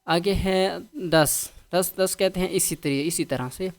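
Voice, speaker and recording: A man with a Pakistani accent teaching English vocabulary, patiently repeating each word with its meaning. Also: sits high. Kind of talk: vocabulary lesson.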